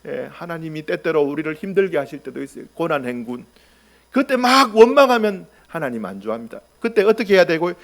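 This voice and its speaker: Animated male pastor preaching. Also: on the high side, fast. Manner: animated, acts out scenes, asks the congregation questions. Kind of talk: sermon.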